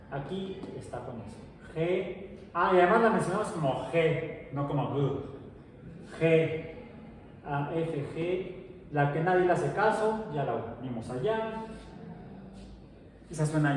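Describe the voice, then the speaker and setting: A man's voice: fairly high pitch, lively intonation, moderate pace, long pauses. A middle-aged man with a Mexican Spanish accent, lecturing a class and slipping into chatty anecdotes. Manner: chatty, digressive storytelling. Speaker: teacher. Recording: roomy echo, distant mic, faint noise.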